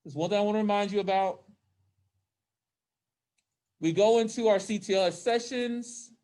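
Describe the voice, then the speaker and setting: A high-pitched man with a darkish tone teaches high school social studies at normal speed to students in the classroom and online. He wears a face mask that slightly muffles his voice, speaks informally, and regularly checks that everyone is following.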